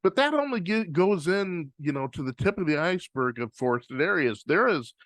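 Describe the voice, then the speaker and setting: This podcast host, a man from the US Pacific Northwest, has a fairly high, bright voice with big swings in pitch and speaks at a normal speed. He chats casually through listener mail, rambling with plenty of fillers and restarts. A close studio microphone captures him with no room sound.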